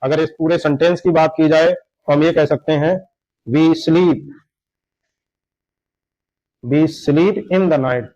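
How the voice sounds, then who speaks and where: A man teaching a grammar lesson in Hindi, explaining slowly and repeating each example. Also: on the high side, fairly even intonation, warm tone. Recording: dull lo-fi sound.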